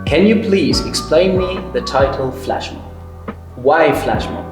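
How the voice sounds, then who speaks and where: A man's voice: on the high side, expressive, measured pace. A man interviewing a group casually, asking questions with lots of fillers. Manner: asks questions with frequent fillers. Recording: echoey room with music behind.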